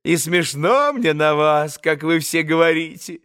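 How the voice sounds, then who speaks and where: A man voicing a young woman who teases and coaxes softly in a classic audiobook reading. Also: on the high side, expressive, unhurried, clear, resonant tone. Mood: coaxing. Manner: teasing, coaxing, soft. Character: young woman, teasing yet uneasy, coaxing.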